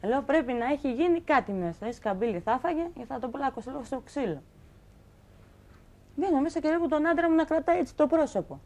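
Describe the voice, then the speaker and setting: A young woman guest on a talk show, telling her own story in an animated way and acting out the dialogue she quotes. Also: high-pitched. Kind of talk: emotional personal account on a talk show.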